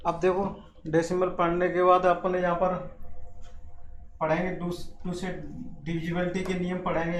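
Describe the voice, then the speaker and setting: A man teaching a lesson, with mixed in, often repeating points and asking questions he then answers himself. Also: high-pitched. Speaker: maths teacher. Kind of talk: classroom maths lesson. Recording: echoey room with faint background hiss.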